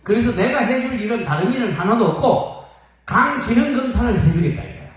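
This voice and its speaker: An older male pastor tells a folksy story from the pulpit and slips into the voices of the people he quotes. His voice sits high and rises and falls a great deal. It is heard from well off the mic, with a strong room echo around it. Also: lively intonation, fairly quick. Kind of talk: storytelling sermon. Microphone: phone camera at a distance. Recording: echoey hall, phone from far off.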